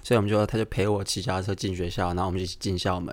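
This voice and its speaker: Low-voiced Taiwanese man telling a story. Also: rapid-fire, no room sound. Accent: Taiwanese Mandarin. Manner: animated, acts out the people in his story. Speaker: podcast host. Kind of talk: casual storytelling monologue.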